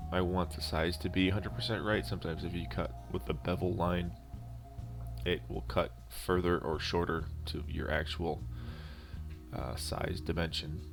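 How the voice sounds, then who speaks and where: Over instrumental background music, the host of a prop-making video gives halting, unscripted voice-over explanations. His voice is deep and creaky, and the narration has a casual tutorial feel.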